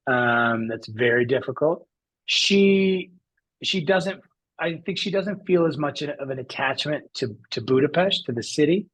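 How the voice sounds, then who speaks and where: A man's voice: fairly high pitch, animated, unhurried, fairly bright tone, low-quality recording. A man as an interview guest, telling his own story in an earnest, reflective way. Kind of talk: conversational interview.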